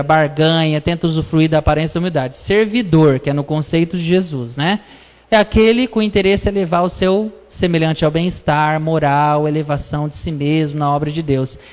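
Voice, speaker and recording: A man giving an informal spiritist talk, telling stories in a chatty way with frequent tag questions. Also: sits high. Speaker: lecturer at a spiritist center. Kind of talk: public talk, informal sermon. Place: lecture hall. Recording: long reverb of a hall.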